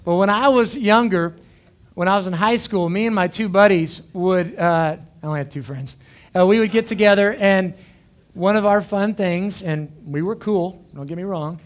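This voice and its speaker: A man from Oklahoma, a youth pastor telling rambling, self-deprecating stories in a casual sermon to young people. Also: high-pitched.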